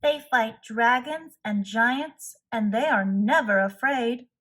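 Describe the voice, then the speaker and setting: Woman as a timid, high-voiced storybook toad. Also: slow, a bit bright. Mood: earnest. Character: timid male toad putting on bravery.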